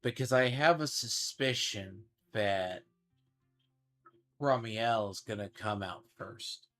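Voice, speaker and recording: Slow, low-voiced man rambling about games. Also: fairly bright tone. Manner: rambling, thinking aloud. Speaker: gaming streamer. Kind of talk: casual game commentary, speculation. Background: game music.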